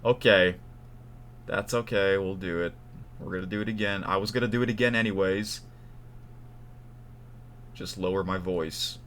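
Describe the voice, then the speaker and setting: Low-voiced man chatting casually. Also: fairly even intonation, moderate pace, long pauses, fairly bright tone, a little hiss or hum. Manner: chatty, restarts takes, talks to himself. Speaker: YouTube channel host. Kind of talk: casual unscripted vlog talk.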